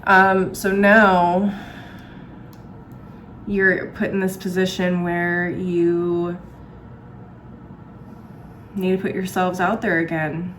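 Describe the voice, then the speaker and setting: A woman's voice: fairly low pitch, level tone, drawn-out words, pauses often, fairly bright tone, a little hiss or hum. A woman giving a casual, chatty tarot reading to viewers, with a dry throat from a cold and frequent swallowing. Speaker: tarot reader and astrologer host.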